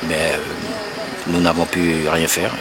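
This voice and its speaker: Deep-voiced male firefighter giving a report. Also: monotone, background noise. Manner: measured, procedural, hesitant. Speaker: firefighter, emergency responder. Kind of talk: formal incident report in an interview.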